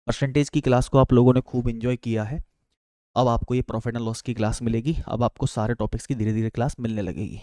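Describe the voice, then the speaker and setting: A man's voice: medium pitch, steady tone, a little fast, mellow, dry recording. Man teaching maths in a dry room. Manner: addresses students as beta and friends, asks and answers his own questions. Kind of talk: exam-prep maths lesson.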